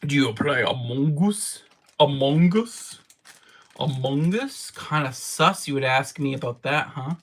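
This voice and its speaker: A Canadian streamer chats casually on a livestream from his game room, rambling through answers to viewer comments and often laughing at himself. His medium-pitched voice is a little slow and fairly bright.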